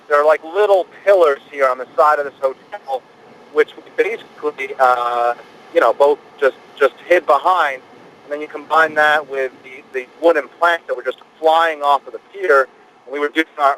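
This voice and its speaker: A male field reporter telling his storm experience live and unscripted, halting and repeating words as he goes. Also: on the high side, fairly bright tone, slight background noise, rough recording.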